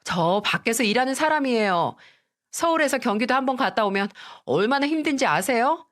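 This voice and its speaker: A woman's voice: fairly high pitch, animated, fairly quick, fairly bright tone, pitched above the performer's own voice. A woman voicing a rude, selfish younger sister-in-law who talks in a sulky, dismissive tone.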